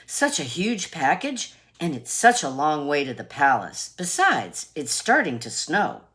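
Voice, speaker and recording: A woman's voice: low-pitched, sing-song, fairly bright tone, pitched below the performer's own voice, exaggerated voice. A woman voicing a tender, sick and weary mother in a storybook, speaking weakly and fondly. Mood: weary, worried. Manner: weak, slow, fond.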